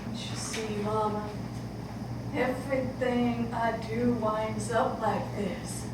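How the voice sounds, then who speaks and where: A woman acting the part of a weary adult daughter in a stage play, speaking in a calm, measured, resigned way. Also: on the high side. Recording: echoey hall from far off, background noise.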